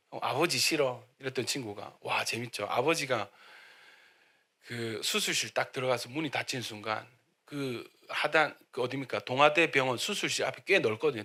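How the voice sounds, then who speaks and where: Lively, bright-voiced pastor. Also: male voice, mid-range voice. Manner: storytelling, acting out quotes, loud cries. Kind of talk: sermon. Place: church hall.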